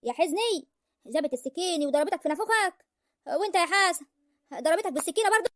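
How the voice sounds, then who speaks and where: امرأة تؤدي دور حماة ريفية مشاكسة بلهجة ريفية مصرية، تتكلم بسرعة شديدة وبنبرة عالية لاذعة في اسكتش كوميدي. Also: female voice, very high voice, lively intonation, fairly bright tone, no echo, studio quality. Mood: scolding. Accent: rural Egyptian. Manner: scolding, argumentative, fast. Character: sharp-tongued rural mother of the brides. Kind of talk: comic village sketch.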